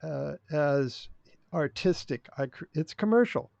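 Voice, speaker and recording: An older man speaking as a podcast guest in casual interview chat, blunt and opinionated, halting with restarts. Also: on the high side, animated, vocal fry, darkish tone, dry recording. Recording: dry, dull lo-fi sound.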